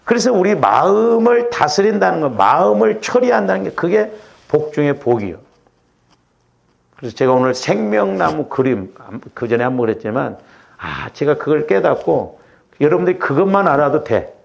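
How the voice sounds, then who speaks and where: A man's voice: fairly high pitch, sing-song, normal speed, gravelly, dull audio. A middle-aged male pastor giving a conversational sermon, often checking in with the congregation. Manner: conversational preaching with rhetorical checks.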